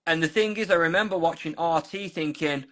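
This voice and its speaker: This is a casual interview chat over a video call, with a volunteer guest from South Manchester speaking in a Manchester accent from Ukraine. His voice is slightly high for a man, brisk and a bit bright. He meanders, going back over his words and wandering off into asides.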